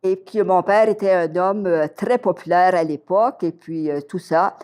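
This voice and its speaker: A woman's voice: fairly low pitch, normal speed. An older woman with a Québécois accent, a retired teacher telling a story as an interview guest and acting out the dialogue in it. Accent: Québécois French. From Quebec. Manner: lively storyteller, acts out dialogue.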